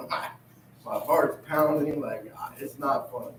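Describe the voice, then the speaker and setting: A man's voice: mid-range voice, takes it slowly. A man in his thirties telling a personal story in casual, profane talk in a counseling group. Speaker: group member. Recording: echoey room, mic far off, noisy.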